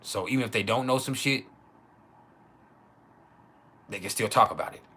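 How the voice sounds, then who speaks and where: A man's voice: lowish voice, normal speed, pushed and bright, slightly rough. A man hosting an astrology livestream in a casual, profane, slangy monologue, repeating phrases for emphasis.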